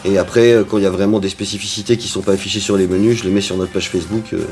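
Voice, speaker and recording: A man's voice: low voice, steady tone, racing, darkish tone, soft background music. A man who owns and cooks at a restaurant, answering interview questions in a chatty way with frequent hesitations. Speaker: restaurant owner and cook.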